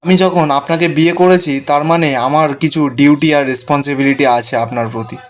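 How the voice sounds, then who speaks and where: A man's voice: a little high, steady tone, fairly quick, natural voice. A man voicing a stubborn, jealous husband who taunts his wife, in a retold TV serial.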